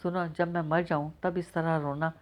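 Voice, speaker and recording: A woman reading the lines of a young husband who scolds his crying wife gently but firmly. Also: sits low, flat delivery, close to an everyday voice.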